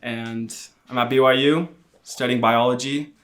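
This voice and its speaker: A man's voice: medium pitch, fairly even intonation, a little slow, fairly bright tone, a little hiss or hum. Laid-back young man chatting as a guest. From Utah. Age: young adult. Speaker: podcast guest. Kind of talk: casual chat.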